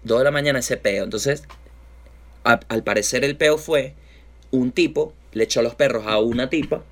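A man's voice: mid-range voice, normal speed. Venezuelan man telling a slangy story. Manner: lively anecdotes full of slang, acts out quoted voices. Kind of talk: casual chat, storytelling.

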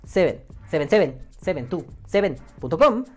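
A woman's voice: fairly low pitch, big pitch swings, normal speed, slightly rough, faint music behind. A woman with a Mexican accent hosting a podcast, reading listener comments and answering them in a profane, joking way. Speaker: podcast host.

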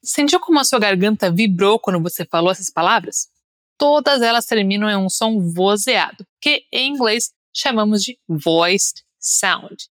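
A woman's voice: medium pitch, lively intonation, measured pace, a bit bright, dry recording, studio quality. A young woman from Brazil with a Brazilian Portuguese accent, an upbeat pronunciation teacher on a podcast, leading listeners through drills. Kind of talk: podcast lesson.

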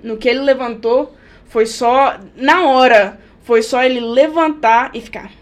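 A woman's voice: a little high, unhurried. A woman who drives for a rideshare app, telling stories from her rides as a guest in casual chat and acting out scenes with sound effects. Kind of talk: casual chat, anecdotal storytelling.

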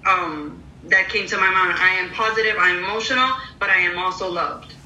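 A woman's voice: on the low side, fairly quick, bright, forceful tone, highs cut off, slight background noise. A woman in a book club group on a video call, sharing personally in an emotional, earnest way. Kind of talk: casual group discussion. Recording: echoey, distant video call.

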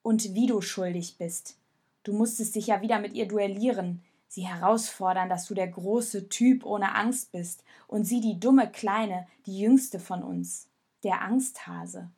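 Give me a woman reading as an angry, mocking young boy in an audiobook, raised and breathy. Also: medium pitch, normal speed, lightly acted. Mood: accusing. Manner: heated, scornful. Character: boy named Jonas, young, mocking and accusing.

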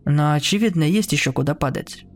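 A man reading a horror story aloud in a measured storytelling manner. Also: on the high side. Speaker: narrator. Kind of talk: scripted horror story narration.

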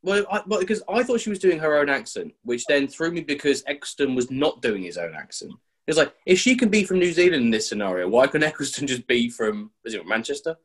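A man's voice: fairly high pitch, very animated, brisk, few pauses. A man in a casual film review chat, thinking aloud with frequent restarts.

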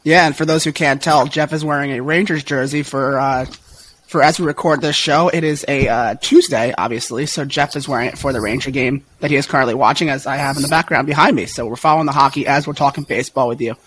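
A man hosting a casual sports podcast, his voice hoarse and breaking because he has lost it. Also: medium pitch, steady tone, fast talker, a bit bright, slight background noise. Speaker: podcast host.

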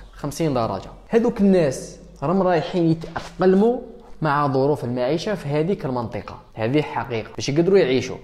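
A man with an Algerian accent, a host answering viewer questions in a rambling, animated casual monologue that slips in foreign phrases. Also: fairly high pitch.

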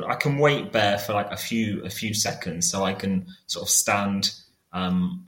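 A man in his late twenties talks casually as a guest on a podcast. His voice is fairly low, and the recording is clearly roomy and echoey. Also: a bit bright. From Cornwall, England. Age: late 20s. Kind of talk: casual conversation.

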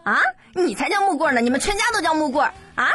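Woman doing an angry young man yelling. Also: sits high, expressive, racing, faint music behind. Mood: indignant.

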